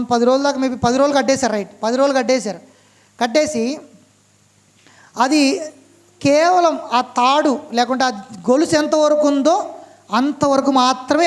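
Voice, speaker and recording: Man preaching, super high voice, keeps going "right?" after every point. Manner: slow, emphatic scripture reading. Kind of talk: sermon.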